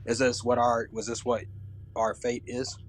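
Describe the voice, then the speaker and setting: A man playing a stern, commanding male angel warrior who speaks in a formal, challenging, measured way. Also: medium pitch, level tone, slight background noise, natural voice. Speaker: player.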